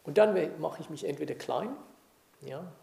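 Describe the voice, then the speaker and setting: A man teaching meditation to a group, speaking in a calm, unhurried way and often checking that his listeners follow. His voice is gravelly and mellow. He is heard in an echoey room with a faint hiss underneath. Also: on the high side. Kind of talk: dharma talk to a group.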